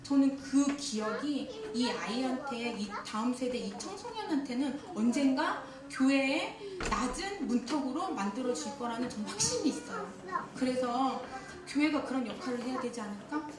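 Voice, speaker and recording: A woman's voice: sits high, big pitch swings, moderate pace, a crowd in the background. A woman giving a talk at a church teachers' seminar, often questioning her audience and laughing as she speaks. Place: church hall. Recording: echoey hall, voice from far off.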